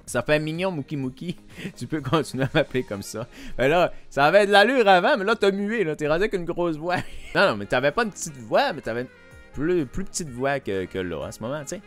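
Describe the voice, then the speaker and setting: Lively Québécois man streaming, teasing chat. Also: a little high, fairly quick, soft background music. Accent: Québécois French. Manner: playful, teasing, laughs often, animated. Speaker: Twitch streamer. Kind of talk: casual live-stream chat while playing a quiz game. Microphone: desk microphone.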